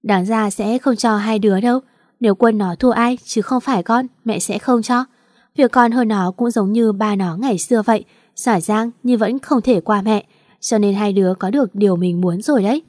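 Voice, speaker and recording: A woman's voice: mid-range voice, moderate pace, darkish tone, no echo, clean studio sound, lightly acted. Imperious rich mother, read by a woman. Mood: impatient. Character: wealthy, imperious middle-aged mother, impatient.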